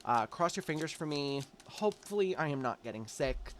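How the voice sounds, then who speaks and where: A tarot reader gives a casual monthly forecast, chatting warmly and directly to his viewers while stuffy and congested from allergies. His voice is a little high and animated at a normal speed. Some slight hiss or hum is audible.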